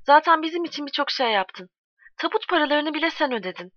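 A woman's voice: high voice, animated, fast, no echo, pitched above the performer's own voice. A woman voicing a grieving, worn-down working man who speaks in a weary, troubled way, in a dull, dry recording.

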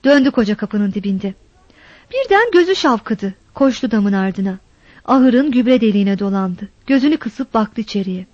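A woman reading a story aloud in a measured storytelling delivery, in a dull, dry recording. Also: mid-range voice, lively intonation, darkish tone, dry recording. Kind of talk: scripted narration.

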